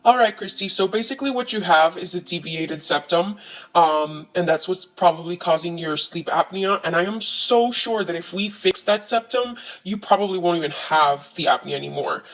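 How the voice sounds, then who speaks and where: Man playing a high-voiced, breezy surgeon. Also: moderate pace, fairly bright tone, rough recording. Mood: breezy, reassuring. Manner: casual, dismissive, filler-heavy. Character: breezy, overconfident surgeon reassuring a patient. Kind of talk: amateur comic skit dialogue.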